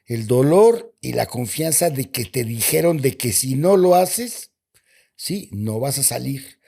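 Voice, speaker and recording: A man's voice: medium pitch, animated, slow, gravelly, mellow, breathy edge. A man, a guest in the discussion, explaining his views earnestly. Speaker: guest, AA member. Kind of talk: conversational discussion.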